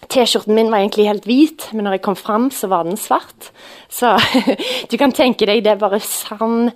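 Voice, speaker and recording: A woman preaching a sermon, telling a personal testimony in an earnest storytelling way with frequent hesitations. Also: mid-range voice.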